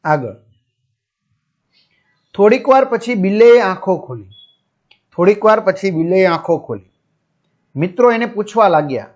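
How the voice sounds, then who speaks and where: A man's voice: high voice, very animated, moderate pace, long pauses, darkish tone. A man teaching young pupils, reading a story aloud, restating each line in simpler words and checking in with his listeners. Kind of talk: reading and explaining a school lesson. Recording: dull lo-fi sound.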